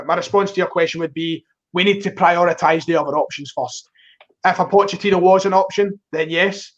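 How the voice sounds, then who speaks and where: Scottish guy, thick glasgow accent, bit high voiced, rambling footie chat, muffled stream audio. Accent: broad Glaswegian Scottish. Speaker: football fan guest on a live stream. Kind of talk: casual football discussion.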